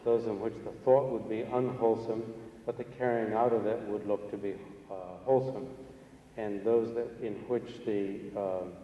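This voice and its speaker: A man with a low, soft-edged voice interprets a philosophy lecture. He speaks in careful, halting phrases. The sound comes from off in a big echoing hall with some faint noise. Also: fairly even intonation. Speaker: interpreter translating a Buddhist teacher. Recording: echoey hall, distant mic, background noise.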